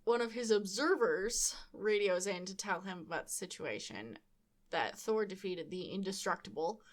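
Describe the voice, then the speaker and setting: A woman's voice: mid-range voice, moderate pace. A young woman hosting a podcast, recapping a comic book casually with frequent laughter and wry asides. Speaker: podcast host.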